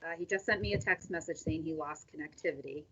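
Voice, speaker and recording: A woman's voice: sits low, fast talker. A woman speaking on a group voice call in a meeting, plain and matter-of-fact. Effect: heard over a group voice call. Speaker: meeting participant. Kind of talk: casual meeting remark. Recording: distant lo-fi call audio with faint noise.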